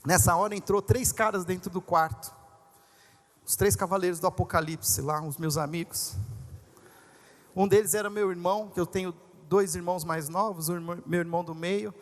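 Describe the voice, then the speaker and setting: High-voiced man preaching in an echoing hall. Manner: animated, conversational storytelling with audience asides. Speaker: pastor. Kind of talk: storytelling sermon. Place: large congress hall. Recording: long reverb of a large hall.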